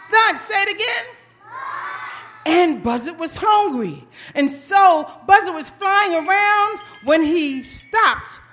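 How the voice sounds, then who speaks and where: A woman storyteller telling a folktale to children with high energy and drama, stopping often to quiz her young listeners. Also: pushed and bright.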